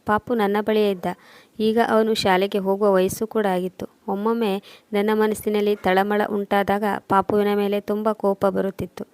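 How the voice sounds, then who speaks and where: A woman reading a scripted first-person emotional story in a steady, measured way. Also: medium pitch, clean tone, dry recording. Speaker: narrator.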